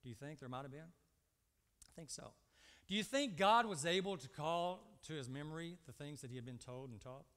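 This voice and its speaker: A slightly high, expressive, fairly bright voice belongs to a man in his fifties preaching at normal speed from an indoor church stage. Emphatic and repetitive, he poses short questions to the congregation and answers them himself, and the recording has a reverberant hall sound.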